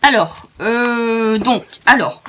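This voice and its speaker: A woman's voice: on the high side, slow, fairly bright tone, slight background noise. A tired woman with a northern French accent, hosting a casual craft tutorial in a chatty, rambling way with many hesitations.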